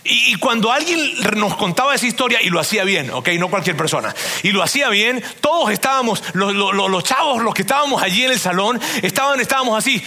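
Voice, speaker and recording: A man's voice: sits high, animated, fast, bright, forceful tone. A man who preaches a devotional talk, retells a Bible story and speaks straight to the listener with rhetorical questions. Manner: conversational, addresses listener directly, asks rhetorical questions.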